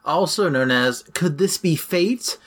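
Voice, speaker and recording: A woman's voice: deep voice, expressive, measured pace, slightly rough. A woman co-hosting a podcast in casual chat, her speech slightly muffled as if she has gauze in her mouth. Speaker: podcast co-host. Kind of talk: casual chat about an anime series.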